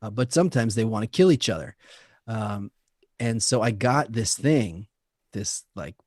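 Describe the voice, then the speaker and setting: Low-voiced man talking hesitantly. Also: expressive, darkish tone, no echo, studio quality. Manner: hesitant and measured. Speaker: podcast co-host. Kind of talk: casual conversation.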